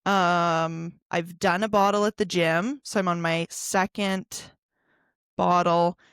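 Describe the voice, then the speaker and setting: A woman's voice: on the low side, steady tone, takes it slowly, fairly bright tone, smooth, dry recording, clean studio sound. A young adult woman co-hosting a podcast, talking casually with lots of fillers and laughs. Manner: chatty, full of fillers and laughs. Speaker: podcast co-host. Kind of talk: casual chat.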